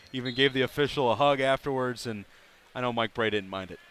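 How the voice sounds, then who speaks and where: A man doing live play-by-play for a college basketball game, brisk and rising sharply on big plays. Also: medium pitch, a bit bright. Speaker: play-by-play announcer. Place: arena broadcast booth.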